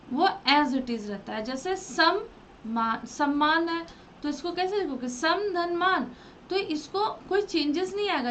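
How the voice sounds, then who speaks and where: High-pitched lady teacher, slow and drawn out, quizzing then answering herself. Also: fairly bright tone, dull audio, slight background noise. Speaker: Hindi grammar teacher. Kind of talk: classroom lesson explaining rules.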